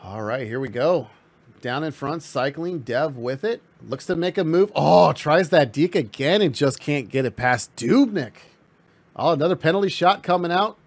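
A man giving casual, excitable play-by-play commentary on a hockey video game stream, laughing often. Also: a little high, normal speed.

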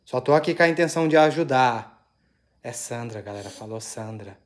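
A man hosting a ghost-hunting vlog from inside an abandoned house, asking questions aloud and dropping into hushed, awed murmurs between them. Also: mid-range voice, expressive, moderate pace. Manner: anxious, awed. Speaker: paranormal investigator host.

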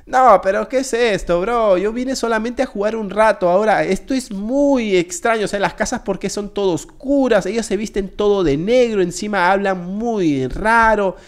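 A man giving jokey, excitable gameplay commentary straight to his viewers. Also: sits high, normal speed, few pauses. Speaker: gaming video creator.

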